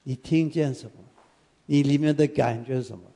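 A man preaching as guest pastor in a church, praying and then speaking gently and straight to the congregation. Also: medium pitch, brisk, creaky. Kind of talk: prayer and sermon.

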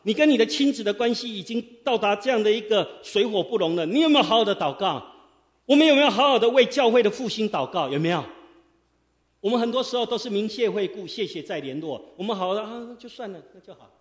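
A man preaching a sermon, quizzing the congregation and swinging from quiet asides to loud exhortation. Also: high voice, quick pace, big-room sound. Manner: lively, quizzes the congregation with fill-in questions. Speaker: pastor. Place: church sanctuary.

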